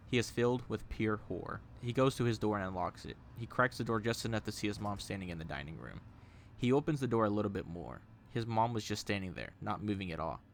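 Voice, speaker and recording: Steady low-voiced man narrating horror. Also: slight background noise. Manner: steady, measured reading. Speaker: storyteller.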